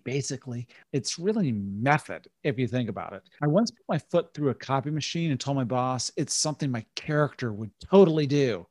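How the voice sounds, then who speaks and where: A man delivering a deadpan, self-mocking comedy monologue as a struggling actor. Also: medium pitch, no echo, clean studio sound.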